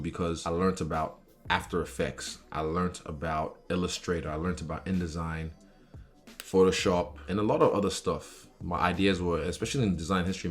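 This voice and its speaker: Deep-voiced young man chatting candidly. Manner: candid, informal, swears freely. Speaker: professional fighter talking about his interests. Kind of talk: casual chat answering interview questions.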